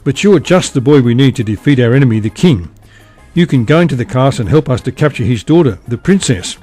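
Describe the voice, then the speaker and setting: Storybook giant, male, huge and threatening, booms his lines; a man reads him. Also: animated, quick pace, slightly rough, faint music behind. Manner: loud, booming, threatening.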